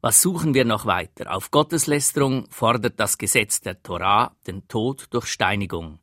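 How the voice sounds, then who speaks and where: A man voicing a furious older high priest who shouts outraged accusations. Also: expressive, normal speed, dry recording, studio quality.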